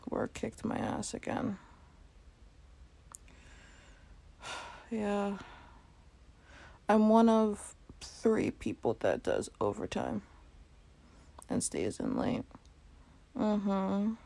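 A woman's voice: medium pitch, gravelly, dark tone, heavily acted. A woman playing a sleepy, playful girlfriend in an intimate role-play, murmuring in a whiny, teasing way and sometimes whispering. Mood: drowsy, murmuring. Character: sleepy playful girlfriend waking late on her birthday.

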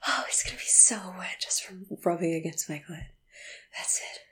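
With a lowish voice and lively intonation, a woman performs a slow, intimate roleplay monologue for audio. Much of it is breathy whispering, broken up by sighs and soft laughter between phrases.

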